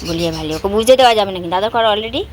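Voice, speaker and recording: A woman's voice: mid-range voice, racing, noisy background. A housewife vlogging from home, chatting casually and straight to her viewers while recording on a handheld phone. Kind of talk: casual vlog chat to viewers. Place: at home, indoors.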